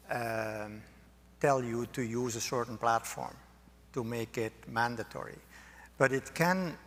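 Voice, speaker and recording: A man speaking as a conference panelist, thoughtful and hedging his points. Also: medium pitch. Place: conference hall. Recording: reverberant conference hall.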